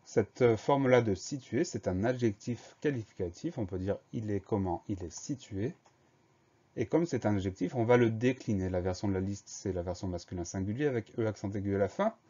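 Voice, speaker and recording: A man's voice: fairly low pitch, brisk, mellow, highs cut off. A male teacher giving a spelling lesson for schoolchildren, patiently spelling each word out letter by letter.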